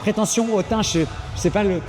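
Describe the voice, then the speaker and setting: A man's voice: a little high, a little fast, warm tone, soft background music, some chatter behind. A young French man, an expat coach, chatting casually and emphatically with many restarts. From France. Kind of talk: casual chat and home tour.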